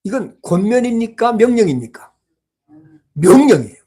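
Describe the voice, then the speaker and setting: Husky-voiced pastor telling a story in a sermon. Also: medium pitch, very animated, moderate pace. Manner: storytelling preaching, swinging between loud exclamations and hushed asides. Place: small church.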